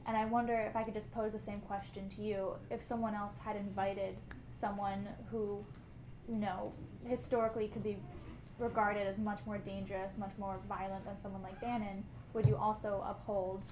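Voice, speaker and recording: A woman with a mid-pitched voice sets out a question politely and step by step. She speaks at a live discussion in an echoey room with noticeable noise. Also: little pitch movement, moderate pace.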